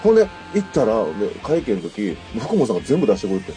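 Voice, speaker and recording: A man's voice: mid-range voice, quick pace, faint music behind. A man with a Kansai accent telling stories in a casual podcast chat. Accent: Kansai Japanese. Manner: storytelling, animated. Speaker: podcast co-host.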